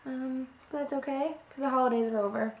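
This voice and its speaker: A slightly sick young woman, her voice a little off, casually chats with plenty of ums while doing a makeup tutorial for her beauty vlog. Her voice sits high, steady in tone and a little fast. A close webcam captures her indoors in her home kitchen by a window, and the audio is dull with echoey room sound.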